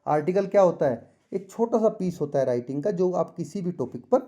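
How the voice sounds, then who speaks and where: Slow, careful Indian tutor with a dark tone. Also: male voice, sits high, expressive. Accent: Indian English. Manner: reads English lines slowly then explains in Hindi; addresses students directly, patient. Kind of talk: bilingual textbook explanation for students.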